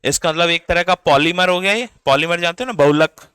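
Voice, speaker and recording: A man's voice: a little high, fairly quick, a bit bright, smooth, no echo. A man, teaching biology in a classroom lecture, explaining step by step and checking in with his students. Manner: spells out words letter by letter.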